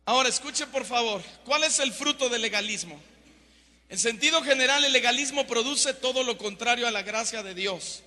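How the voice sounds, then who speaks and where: A man preaching a sermon, emphatic, swinging between loud declarations and hushed asides. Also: very high-pitched, normal speed. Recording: long hall reverb.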